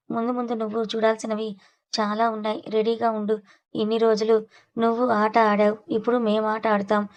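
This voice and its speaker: A woman's voice: fairly high pitch, darkish tone, natural voice. A woman voicing a spirited young bride who speaks in a taunting, cutting way, in an audio story.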